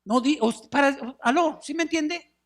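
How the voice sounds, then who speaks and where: A man's voice: very high voice, measured pace. A middle-aged man preaching a sermon in a church, telling stories with animation and calling his listeners brothers. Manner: animated storytelling, acts out wailing mourners; addresses listeners as brothers, drops in English words. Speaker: pastor. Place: church sanctuary.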